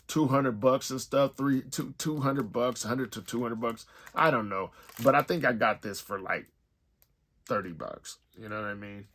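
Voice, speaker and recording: An American man with a medium-pitched, slightly bright voice hosts a collection unboxing, chatting casually to viewers in slangy, rambling phrases. He's a music collector who runs an online store. The recording has noticeable background noise and clicks.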